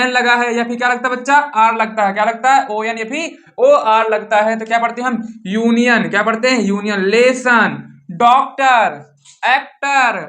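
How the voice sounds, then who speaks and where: A male teacher with a Hindi accent gives an English pronunciation lesson in a very high, sharp voice. Again and again, he asks his students questions and answers them himself.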